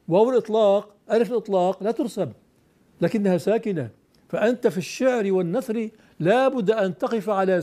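A man with a notably high voice teaches a class on classical poetry. He fires questions at his students, then explains the rule firmly and recites the verses slowly and deliberately. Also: warm tone.

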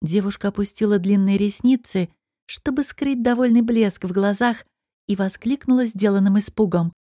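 A woman narrating a fantasy audiobook in an even storytelling manner. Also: medium pitch, normal speed, no echo, studio quality. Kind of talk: scripted narration.

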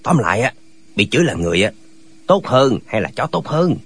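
Male actor voicing a pack of silly, bickering hermit brothers in a radio drama, husky and singsong. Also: medium pitch, very animated, fairly quick, fairly bright tone, exaggerated voice. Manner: bickering, argumentative back-and-forth. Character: six squabbling, foolish male martial hermits.

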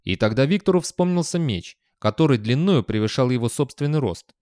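A man with a mid-range voice narrates an audiobook in an even, measured storytelling style. The recording is dry and has a clean studio sound.

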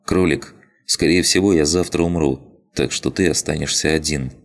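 A man's voice: rumbling low, normal speed. A man voicing a tired young woman who sounds resigned and wryly sad. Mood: weary. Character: weary young woman awaiting her fate.

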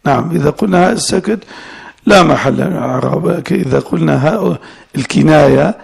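Male sheikh, gravelly husky voice, patient classical text teacher. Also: on the high side, a little mellow. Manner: explains slowly, repeats the student's words, asks questions. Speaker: sheikh teaching Hanafi fiqh.

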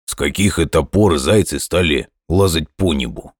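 A very deep, grumbling bear cub from a children's story, voiced by a male narrator. He sounds gruff but caring, recorded close and dry. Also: moderate pace, dry recording. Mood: gruff urging. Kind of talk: audiobook character voice.

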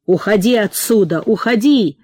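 A woman's voice: mid-range voice, moderate pace, mellow, slightly rough, dry recording, clean studio sound, lightly acted. A woman reading the part of a passionate, troubled young man, speaking in agitated exclamations. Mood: indignant.

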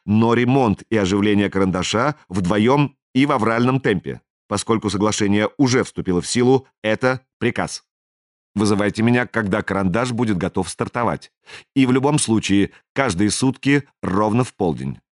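Cool alien dealmaker guy, a man putting him on, low voice, bossy and persuasive, audiobook. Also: no echo, clean studio sound, close to an everyday voice. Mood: commanding. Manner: measured, persuasive and coolly authoritative. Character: smooth, businesslike male alien stranger, commanding. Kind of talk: audiobook character reading.

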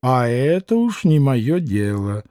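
A man's voice: sits high, lively intonation, takes it slowly, dark tone, no echo, studio quality, exaggerated voice. A man reading the part of a haughty, impatient male doctor who speaks in curt, clipped phrases.

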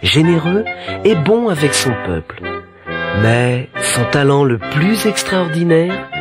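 A man narrating a children's fairy tale in a gentle, expressive storytelling voice. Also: a little high, takes it slowly. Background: music bed.

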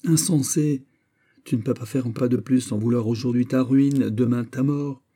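A man's voice: medium pitch, steady tone, normal speed, dark tone, pitched above the performer's own voice, lightly acted. A man voicing a loyal, cautious young nobleman in an audiobook, speaking in an alarmed, warning way.

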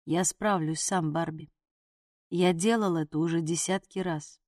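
A woman's voice: lowish voice, steady tone, unhurried, a little mellow, dry recording, pitched below the performer's own voice, close to an everyday voice. A woman reading an audiobook voices a wounded, stubborn young man who mutters through the pain and mocks dryly. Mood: gruff. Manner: strained, muttered, dry mocking.

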